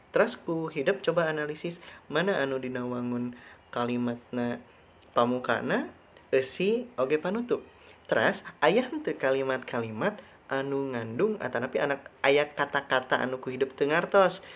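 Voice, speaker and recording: A male teacher talks through a recorded slide lesson at a middling pitch. He poses a question, then answers it himself, drawing out the important words and saying them twice. It has the patient rhythm of someone explaining to a class he cannot see. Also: a little hiss or hum. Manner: stretches key words and repeats them for emphasis.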